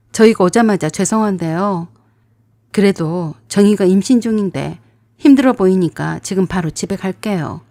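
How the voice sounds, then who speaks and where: A woman's voice: medium pitch, mellow, no echo, clean studio sound, natural voice. A woman voicing a young husband who firmly defends his pregnant wife to his mother. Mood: polite. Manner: firm, pleading.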